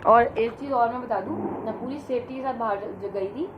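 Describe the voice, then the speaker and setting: A woman's voice: fairly high pitch, brisk. A sick woman with a fever, chatting casually to the camera at home and addressing her viewers directly. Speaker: vlogger. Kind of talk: casual vlog chat to camera. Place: at home, indoors. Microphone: camera set in front of her. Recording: echoey room, dull and noisy.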